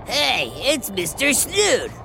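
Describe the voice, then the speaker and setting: A woman's voice: on the high side, huge pitch swings, slow, creaky, music in the background, full character voice. A woman playing a chatty, put-upon sidekick who hosts a children's adventure story in a theatrical, conversational way. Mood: wry. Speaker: story host. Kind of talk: animated children's story narration.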